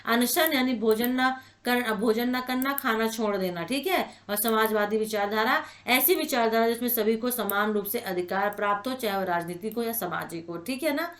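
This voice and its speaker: Brief: female online tutor, bright higher voice, patient, repeats words and keeps checking "all right?". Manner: explanatory, repeats words slowly with frequent "ठीक है ना" check-ins. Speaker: online exam-prep tutor. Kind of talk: spoken exam-prep lecture.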